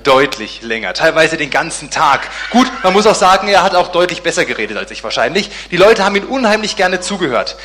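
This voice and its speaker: Bright-voiced man telling a sermon story. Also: a little high, fairly quick, hardly any pauses, slight background noise. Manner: lively, acts out dialogue in voices. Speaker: pastor.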